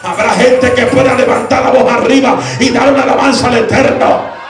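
High-voiced shouting preacher in an echoey church. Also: male voice, steady tone, normal speed. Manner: swings from hushed storytelling to shouted exhortation. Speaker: pastor. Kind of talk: fervent preaching testimony. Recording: echoey church hall with music underneath.

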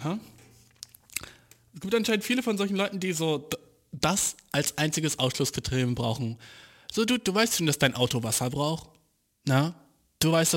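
A young man telling a mocking story in a loose, rambling rant, full of swearing and slang. His voice sits somewhat high for a man. He keeps cracking himself up as he goes. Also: fairly bright tone. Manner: profane, slangy, mocking, breaks into laughter. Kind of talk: casual ranting anecdote.

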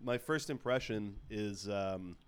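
A man's voice: fairly low pitch, slow pace, clean tone. A man hosting a casual podcast chat, joking, rambling and laughing often. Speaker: podcast host.

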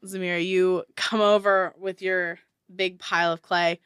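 A woman's voice: lowish voice, level tone, a little slow, fairly bright tone, smooth, no echo, studio quality. A woman narrating a tabletop game as game master, casual and hesitant with fillers.

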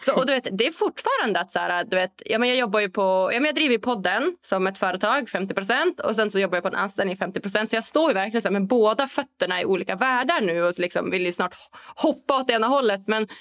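Chatty woman hosting a podcast. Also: mid-range voice. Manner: lively, acts out others' lines in a raised voice. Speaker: podcast host. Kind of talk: casual podcast conversation.

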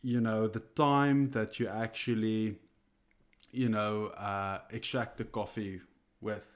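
A coffee roaster who co-hosts a podcast, a man whose native tongue is Afrikaans, explains coffee in Afrikaans-accented English while calling in remotely from his office. He pitches low with fairly even intonation, stopping, starting over, and chuckling softly as he goes.

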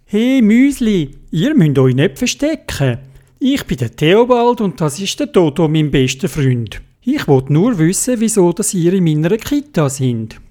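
A woman's voice: lowish voice, very animated, a little slow, warm tone. A woman voicing a friendly, brave little boy with a Swiss German accent, kind and curious.

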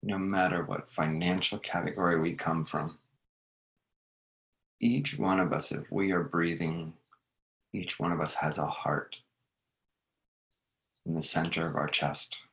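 Guy doing a guided meditation, really low voice, super slow n gentle, lots of long pauses. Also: steady tone, creaky, low-quality recording. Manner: gentle, unhurried, with long pauses between short phrases.

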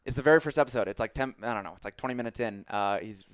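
A man co-hosting a podcast, chatting casually and telling stories with lively shifts of voice. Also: rapid-fire, smooth, no echo, studio quality. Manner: animated storyteller, jumps into high voices for quotes. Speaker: podcast co-host; coach.

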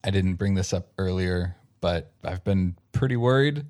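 A man with a very low voice plays a tabletop game, working out his plans out loud in a loose, rambling way. He laughs easily and talks in casual, conversational bursts. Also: normal speed. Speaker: player.

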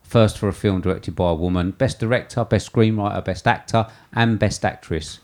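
A man co-hosting a casual film podcast, chatty and quick to laugh, reading out film details. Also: lowish voice, fairly even intonation. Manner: chatty, laughs often, reads lists of film facts. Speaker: podcast co-host.

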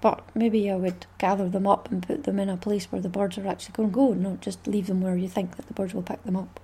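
Husky-voiced Scottish woman chatting. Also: medium pitch, mellow. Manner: chatty and rambling, with small laughs. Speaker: craft podcast host. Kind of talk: casual solo podcast chat.

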